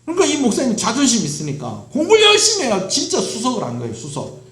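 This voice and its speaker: Pastor, man, middle-aged; animated, questioning sermon delivery, echoey sanctuary. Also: very high voice, quick pace. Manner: asks the congregation questions and answers them himself. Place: church sanctuary. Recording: roomy church echo.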